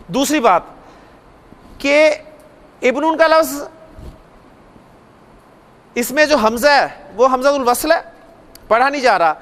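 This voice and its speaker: A man with a strikingly high voice teaches a grammar lesson. He walks through each rule step by step, says the key points twice and stops to ask the class questions. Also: fairly bright tone, clear, resonant tone. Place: classroom or studio lecture.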